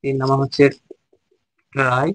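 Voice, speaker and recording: A man teaching a basic grammar lesson, speaking slowly and repeating phrases as he works through examples. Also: mid-range voice, monotone, a bit bright, no room sound, rough recording. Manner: slow, repeats phrases while writing examples.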